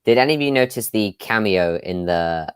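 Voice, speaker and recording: Low-voiced man hosting a casual live chat. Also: expressive, moderate pace, clear, resonant tone, no echo. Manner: chatty, many fillers, laughs often. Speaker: host. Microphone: video call.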